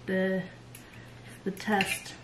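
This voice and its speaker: A young vlogger with Filipino family roots talks cheerfully as she cooks at home, explaining a family recipe step by step for a casual cooking video. Her voice sits in the mid range, monotone and very slow, with background noise behind it.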